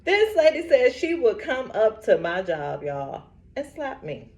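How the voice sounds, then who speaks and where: At a measured pace and in a slightly high voice, a woman vlogs casually to her camera, spinning animated stories punctuated by frequent laughter. Like a preacher, she keeps repeating affirmations.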